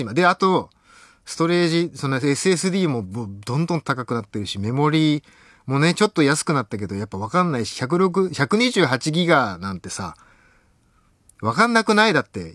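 A middle-aged man hosting a late-night radio show, excitable, jumping between loud exclamations and low muttered asides, on a close studio mic. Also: no echo.

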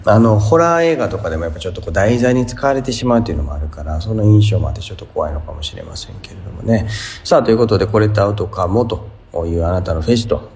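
A man's voice: low voice, creaky, a little mellow. A man with a Kansai accent hosting a radio show, reading listener letters and giving chatty, amused commentary. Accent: Kansai Japanese. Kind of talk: casual radio chat.

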